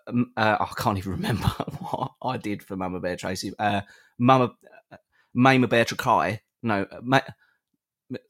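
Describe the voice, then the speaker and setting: A man's voice: on the low side, fairly bright tone. A British man co-hosting a live podcast, chatting casually and playfully with listeners, often restarting his sentences. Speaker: podcast co-host.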